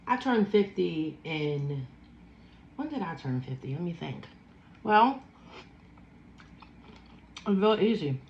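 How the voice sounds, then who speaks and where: Woman, 50s, Philadelphia accent, food vlogger, unhurried chat, slightly dull recording. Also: lowish voice, lively intonation, darkish tone, echoey room, a little hiss or hum. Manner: slow, savoring, chatty with food sounds. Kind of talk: casual eating chat.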